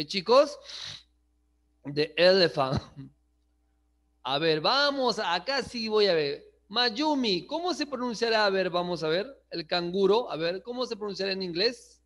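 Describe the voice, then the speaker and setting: A man's voice: high-pitched, pushed and bright. A man teaching an English class online, switching between languages and checking in with the students often. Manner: checks understanding with frequent "¿sí?", chuckles often. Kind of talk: online class, bilingual explanation.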